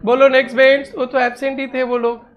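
Female teacher, high-pitched, brisk classroom questioner with a teasing edge. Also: level tone, muffled recording. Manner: brisk, teasing, urging students to answer. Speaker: accounting teacher.

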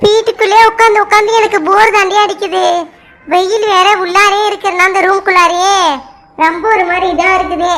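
This is a stubborn young adult daughter in a homemade family drama, complaining and refusing to give in , acted by a woman. The voice is very high and bright, and her protests come out pleading and whiny. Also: flat delivery, fairly quick. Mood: protesting. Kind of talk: amateur family drama acting.

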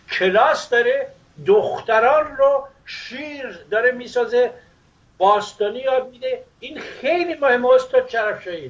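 A man's voice: high voice, a bit bright. An older man from Iran hosting a political talk show, speaking in impassioned, emphatic bursts. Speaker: host. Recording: dull lo-fi sound.

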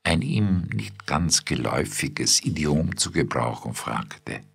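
A man reading a literary story aloud in measured, even narration. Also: very deep voice, gravelly, slightly rough. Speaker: audiobook reader.

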